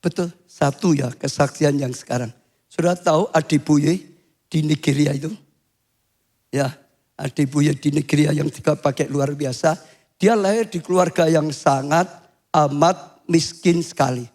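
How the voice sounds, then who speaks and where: Older male pastor, high voice. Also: a little slow. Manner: swings to high shouting when acting out cries. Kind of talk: sermon.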